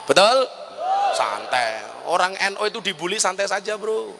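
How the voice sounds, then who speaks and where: A man's voice: high-pitched, very animated, normal speed, gravelly, heavy background noise. A middle-aged man preaching a humorous sermon, full of joking asides. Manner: joking asides, then chanting and singing verses.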